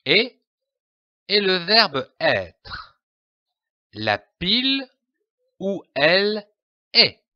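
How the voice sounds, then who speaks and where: A man teaching pronunciation in a slow, deliberate lesson, spelling out letters and syllables one by one. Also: high-pitched, lively intonation, no echo. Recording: dry, dull lo-fi voice-over.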